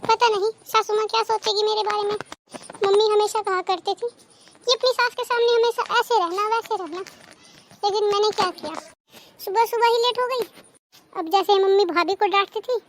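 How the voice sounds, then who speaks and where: A woman's voice: very high-pitched, steady tone, normal speed, slight background noise. A woman voicing a nervous young daughter-in-law in a cartoon, who talks politely and worries. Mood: worried. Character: young newlywed daughter-in-law, anxious and eager.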